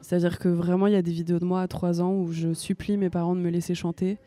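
A young French singer-songwriter with a fairly low voice talks fast and flatly in a casual interview. She is soft-spoken and a little hesitant, frequently using fillers and restarting her sentences.

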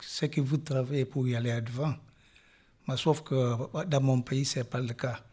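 Middle-aged guy, husky voice, halting, keeps restarting and trailing off. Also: medium pitch, steady tone, a little mellow. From Guinea-Bissau. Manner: halting, restarts phrases, drops off at line ends. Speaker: interviewee, refugee musician. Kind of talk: casual interview talk.

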